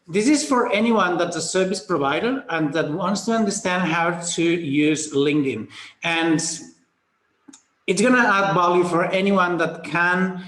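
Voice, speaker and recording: Running a live webinar online, this Spanish-accented host from Spain sounds upbeat and talkative, calling out attendees by name amid plenty of fillers and fast restarts. His voice is fairly high and a bit bright, and the computer microphone picks up the ringing echo of a roomy space.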